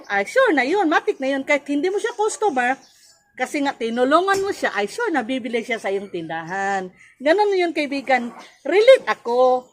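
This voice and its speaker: A woman from the Philippines who runs a small store gives friendly, chatty advice in a casual vlog, often calling her viewers friend and laughing between points. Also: sits high. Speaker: sari-sari store owner and vlogger.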